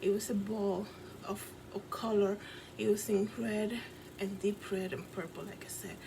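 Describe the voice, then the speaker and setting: A fashion designer and vlogger from the Dominican Republic tells the story of a dream in a casual, rambling vlog shot in her apartment, earnest and full of fillers, with a Dominican accent. Her mid-range voice is steady and measured in pace, over clear background noise.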